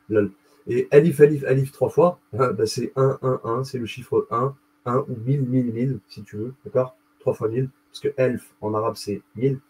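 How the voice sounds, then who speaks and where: A man's voice: medium pitch, warm tone, a little hiss or hum, rough recording. A man hosting a video, rambling through a casual explanatory monologue, often checking in with "d'accord?" and spelling out Arabic letters.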